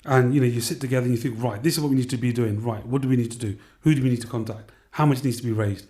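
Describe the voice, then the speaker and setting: A man, an aid worker, explaining his work in an interview in a practical, steady way. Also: mid-range voice, rapid-fire. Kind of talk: interview reflection.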